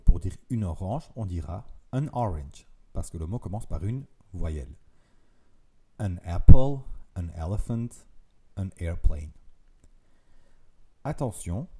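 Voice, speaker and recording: A man, patiently explaining grammar in a video lesson, slowing down to spell out each example. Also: fairly low pitch, warm tone, slightly rough. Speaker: language teacher.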